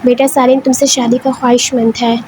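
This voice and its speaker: A kind, soft-spoken older father from a spoken storybook, coaxing and gentle, as a woman reader puts him on. The voice sits high. A faint hiss runs underneath. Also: level tone, close to an everyday voice.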